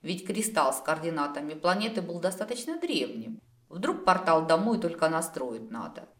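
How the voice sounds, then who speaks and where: Woman, fantasy audiobook narration, low voice, lively intonation, roomy echo. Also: moderate pace. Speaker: audiobook reader. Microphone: home recording.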